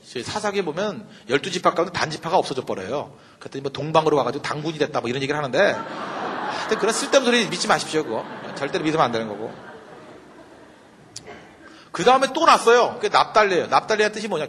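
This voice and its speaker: A man who is a pastor, giving a humorous sermon-style lecture, animated and joking, full of rhetorical questions. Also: on the high side, fast, big-room sound, a little hiss or hum.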